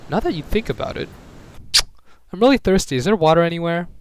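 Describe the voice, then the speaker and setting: A woman voicing a worried, impatient middle-aged father in a homemade animated drama, dropping her voice low. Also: fast, close to an everyday voice. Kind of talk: amateur machinima voice acting.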